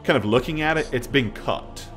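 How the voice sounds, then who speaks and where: A man's voice: mid-range voice, moderate pace, fairly bright tone, faint music behind. Middle-aged man running a tabletop game. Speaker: dungeon master. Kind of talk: improvised tabletop game narration. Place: indoor room at home, on a group video call.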